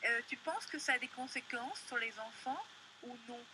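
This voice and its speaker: A woman's voice: high-pitched, normal speed, background noise. A woman interviewing a guest, asking short, direct questions. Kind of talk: casual panel interview. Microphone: studio microphone.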